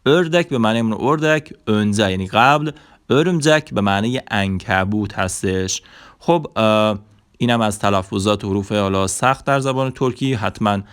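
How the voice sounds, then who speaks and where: A man teaching a language lesson, saying example words slowly and carefully between short explanations and fillers. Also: fairly low pitch, a bit bright, clear, resonant tone. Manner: slow, carefully spelled-out word examples with fillers.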